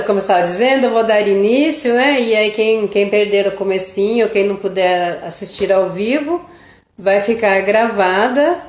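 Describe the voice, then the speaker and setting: A woman's voice: medium pitch, a little mellow. A middle-aged woman hosting a live stream, telling a family story in a chatty, casual way and often tagging her sentences with a questioning "right?". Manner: chatty, keeps asking "né?" after her sentences. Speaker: host of a live stream about children's nutrition. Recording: roomy echo.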